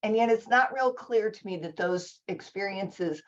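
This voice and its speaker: A woman presenting a conference session over a video call, enthusiastic and informal, talking in quick bursts. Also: mid-range voice, dull audio.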